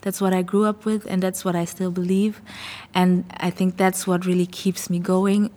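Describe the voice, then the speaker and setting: A young woman talks in a low, level voice that barely rises or falls. She answers interview questions earnestly, pausing to find her words. The sound trails off in a long reverb. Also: little pitch movement, a little mellow. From Germany. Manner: earnest, thoughtful, searching for words. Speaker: singer and songwriter.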